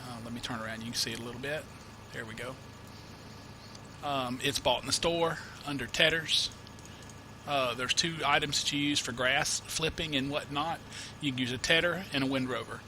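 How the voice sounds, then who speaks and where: A man with a mid-range voice narrates a farming game tutorial at a normal speed, his tone steady but sharp. He has a cold and sniffles a little, rambling through casual let's-play commentary, correcting himself and leaning on lots of fillers. A slight background noise sits under the recording.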